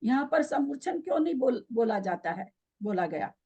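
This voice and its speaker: Husky woman teaching scripture. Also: on the high side, very animated, moderate pace, dark tone, muffled recording. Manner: questioning, explaining patiently, repeats key terms. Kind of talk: online class teaching with questions to students.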